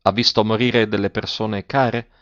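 A man voicing a grieving young man at a deathbed, asking hushed, anxious questions. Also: lowish voice, level tone, normal speed, no echo, natural voice. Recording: dull, dry lo-fi recording.

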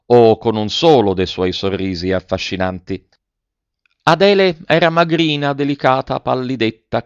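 A man narrating a classic novel in a measured, steady reading. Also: medium pitch, smooth, dry recording. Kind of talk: scripted literary narration. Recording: dull, dry recording.

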